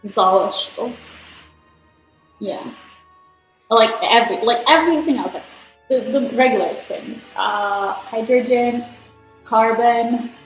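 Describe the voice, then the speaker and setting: A woman's voice: fairly high pitch, a little slow. A young woman from Turkey chatting casually while playing a cooking game, rambling with lots of fillers. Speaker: gaming vlogger. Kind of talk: casual gameplay commentary. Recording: roomy, music underneath.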